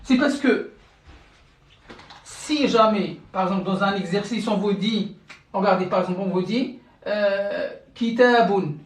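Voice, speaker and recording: In a mid-range voice at a measured pace with long pauses, a language teacher gives a lesson over a live stream. Each point is explained patiently step by step, with check-ins for viewers and words often repeated or restarted. The sound is roomy, recorded away from the microphone.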